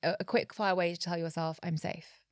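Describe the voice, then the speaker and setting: A woman's voice: on the low side, fairly even intonation, fairly quick, clear, resonant tone, no echo. A woman yoga teacher, guest on a podcast, explaining her ideas in long, earnest, flowing runs. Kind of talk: conversational interview, explaining.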